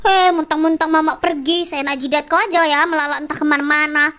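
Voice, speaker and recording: A woman voicing two brash, squabbling young sisters in an animated game story. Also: sits high, a little fast, a little hiss or hum. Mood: bickering. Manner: blunt, teasing, bickering.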